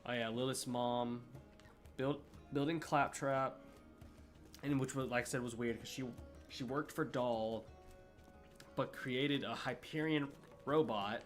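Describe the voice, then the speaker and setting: Young man, gaming streamer, casual rambling review, filler-heavy, mid-pitched. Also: fairly even intonation, unhurried, pauses often, faint music behind. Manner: rambling, many fillers and restarts. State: hiccups.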